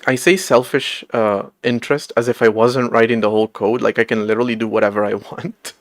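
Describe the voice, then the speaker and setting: A late-20s livestreamer coding an operating system from home speaks fairly quickly in a steady, medium-pitched voice, and the recording is dry. His casual chat rambles, runs self-deprecating, and is full of laughs.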